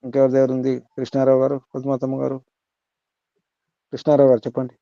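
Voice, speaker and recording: A man teaching to a group on a call, asking listeners direct questions and reciting verses slowly. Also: medium pitch, completely flat delivery, no room sound, muffled recording. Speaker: spiritual teacher. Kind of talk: teaching over an online call.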